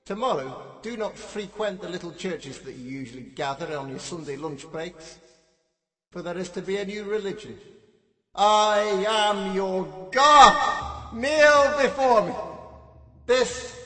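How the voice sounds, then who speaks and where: A man's voice: high-pitched, expressive, slow pace, a bit bright, echoey room, long reverb tail, far from the mic, full character voice. A man playing a pompous tyrant god-king. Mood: grandiose. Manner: pompous, bombastic, grandiloquent. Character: pompous tyrant leader declaring himself God. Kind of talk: comedy radio sketch.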